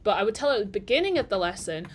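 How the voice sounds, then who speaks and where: Talking very fast with big pitch swings, this twenty-something woman has a medium-pitched voice. She's a digital marketing vlogger casually telling stories on a live work stream, rambling and laughing as she moves between thoughts.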